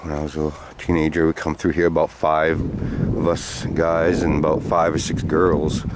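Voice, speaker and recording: A man's voice: rumbling low, little pitch movement, moderate pace. A man in his forties telling a story outdoors while walking a trail, rambling with many fillers, recorded on a handheld camera. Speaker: vlogger. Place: outdoors on sandy trails by woods. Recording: faint outdoor noise.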